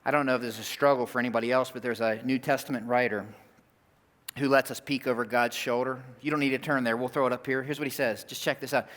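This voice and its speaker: Storytelling pastor in a reverberant hall. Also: male voice, medium pitch, fairly even intonation, quick pace, fairly bright tone. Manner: conversational, storytelling with asides to the congregation. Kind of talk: sermon. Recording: long reverb of a church hall.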